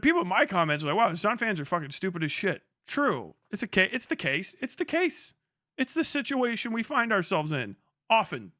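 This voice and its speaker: Sharp in tone and pitched high, the voice comes through at studio quality with no echo. It belongs to a male livestream host giving casual commentary to his live audience, profane, sarcastic and incredulous, with phrases frequently repeated for emphasis.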